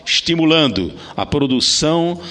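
A man with a Brazilian accent reading a formal parliamentary speech as a senator, in deliberate phrases with an occasional stumble. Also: a little high, expressive, sharp tone.

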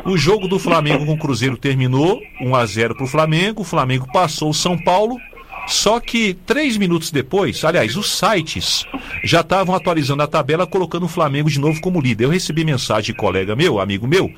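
A man with a Brazilian Portuguese accent hosting a radio sports show, briskly running through results and standings. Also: on the high side, animated, a bit bright, a little hiss or hum. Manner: brisk, reads scores and standings.

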